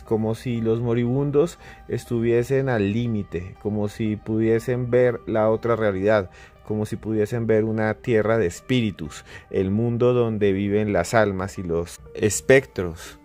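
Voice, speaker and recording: A man hosting a podcast, narrating in a measured, emphatic way that slows on key words. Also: lowish voice, darkish tone, soft background music. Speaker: podcast host.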